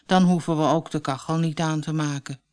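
A woman's voice: low voice, fairly even intonation, brisk, darkish tone, voice pushed down, lightly acted. A woman voicing a lazy young man, the eldest son, who whines and grumbles in a storybook reading. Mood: whiny.

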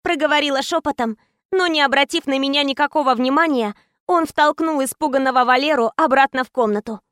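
A woman's voice: high-pitched, brisk, fairly bright tone, no echo, studio quality. A woman narrating a tense first-person story as an audiobook reader.

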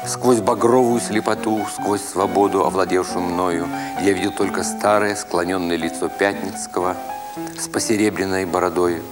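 With a low voice, a man narrates a first-person literary story dramatically, shaping each phrase with deliberate expression. Music plays in the background.

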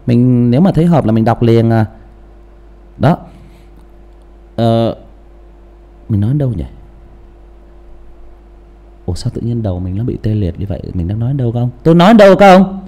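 A man's voice: medium pitch, moderate pace, long pauses. A male audiobook narrator chatting casually about character voices, often restarting phrases and asking the listener questions. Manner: animated, repeats and restarts, asks listeners rhetorical questions.

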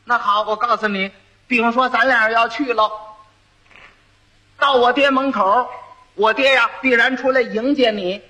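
Man voicing a sharp young bride coaching her husband, bright tone. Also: very high-pitched, steady tone, unhurried, exaggerated voice, poor audio. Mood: instructive. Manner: scolding, instructive. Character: clever, exasperated young bride.

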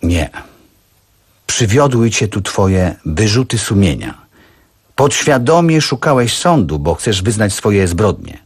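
Brief: male reader voicing a stern masked interrogator in an audiobook, husky, lively pitch, commanding. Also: dry recording, clean studio sound, heavily acted. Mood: menacing. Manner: slow, hollow, commanding.

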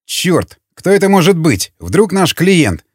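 A man's voice: on the high side, big pitch swings, takes it slowly, husky, no room sound, clean studio sound, pitched above the performer's own voice, heavily acted. A man voicing a younger male raider who is chatty, teasing and grumbling. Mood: uneasy.

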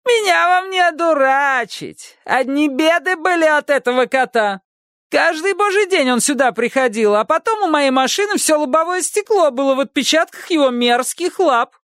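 A man voicing a shrill, spiteful elderly woman neighbor who scolds and gloats in a squealing voice. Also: lively intonation, normal speed, fairly bright tone, no room sound, studio quality. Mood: gloating. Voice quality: shrill, shrieking.

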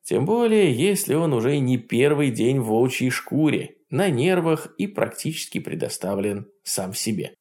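A man reading a first-person story aloud as an audiobook narrator, in a wry, lively storytelling manner. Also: mid-range voice, moderate pace, few pauses.

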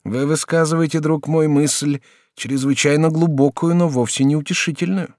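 A male audiobook reader voicing a courteous, talkative young student in his early twenties who speaks with a raised, excitable voice. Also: fairly high pitch, moderate pace, no echo, clean studio sound, pitched above the performer's own voice, natural voice. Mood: eager. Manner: bright, animated, polite and excitable. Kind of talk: audiobook character reading.

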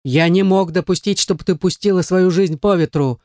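A man reading an audiobook, voicing a weary, remorseful father who speaks low. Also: moderate pace, mellow, no room sound, studio quality, lightly acted.

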